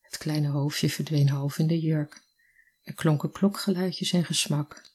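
A narrator reading a literary story in a calm, measured way. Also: mid-range voice, a little hiss or hum.

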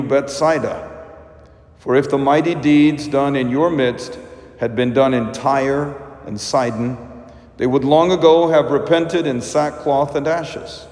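A man, a priest, reading the gospel and preaching a homily in a slow, measured way inside a large church. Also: fairly high pitch, darkish tone. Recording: long echoing church reverb.

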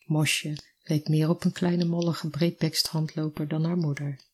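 A narrator reading a literary story in a calm, measured way. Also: mid-range voice, breathy edge.

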